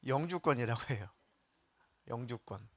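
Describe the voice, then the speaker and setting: A male pastor giving a lively sermon, acting out quotes in voices and putting questions to the congregation. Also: mid-range voice, moderate pace, no echo. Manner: animated, acts out biblical quotes in voices.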